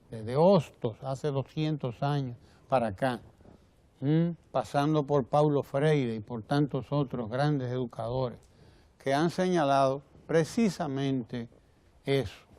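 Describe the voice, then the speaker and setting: Dominican male TV commentator, measured, repeats phrases, dark tone. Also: mid-range voice, no room sound. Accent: Dominican Spanish. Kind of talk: televised opinion commentary. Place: TV studio.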